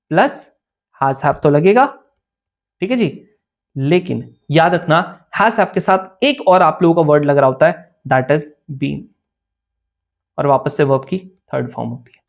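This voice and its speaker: Young man, exam-prep teacher, high voice, informal, keeps asking if it's clear. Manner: chatty, asks students "clear?" often. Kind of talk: informal Hindi-English lesson.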